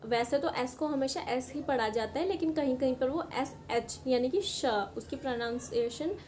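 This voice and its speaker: Woman teacher going over sound rules, high pitched, keeps saying okay, faint hiss in the back. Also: normal speed, a little mellow. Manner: patient, repeats "ठीक है" often. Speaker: language teacher. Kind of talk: spoken lesson on pronunciation rules.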